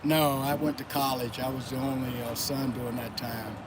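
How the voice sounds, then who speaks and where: Outdoors with loud traffic behind him, a Florida man hosting a relaxed motivational livestream chats loosely and names viewers as they appear in chat. His mid-range voice barely moves in pitch, and his pace is normal.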